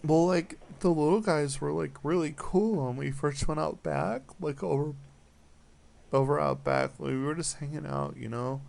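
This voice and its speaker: A man's voice: a little high, moderate pace, gravelly, a little mellow. A man making a prank phone call, rambling and apologizing in a flustered, mumbling way. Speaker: prank caller.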